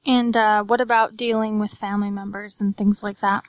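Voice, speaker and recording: A woman's voice: medium pitch, flat delivery, moderate pace, no echo. A woman with a Utah accent hosting a podcast interview in a casual, conversational way.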